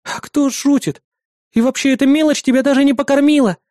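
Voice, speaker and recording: A woman's voice: high-pitched, a little fast, mellow, dry recording, studio quality, pitched above the performer's own voice, lightly acted. A woman voicing a bossy, sarcastic middle-aged female neighbor in an audiobook. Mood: scolding. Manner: scolding, indignant, sarcastic. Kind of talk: audiobook character voice.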